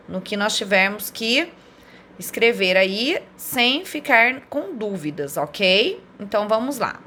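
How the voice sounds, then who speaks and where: A woman's voice: medium pitch, a bit bright. A woman teaching a grammar lesson, explaining step by step and often checking with "né?". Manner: explanatory, asks and answers her own questions, frequent "né?".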